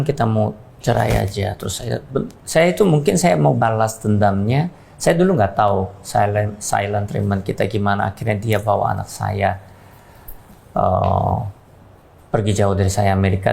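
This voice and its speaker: A man's voice: fairly low pitch, creaky, darkish tone. A man giving a candid, plain-spoken faith testimony about his past. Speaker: guest sharing a testimony.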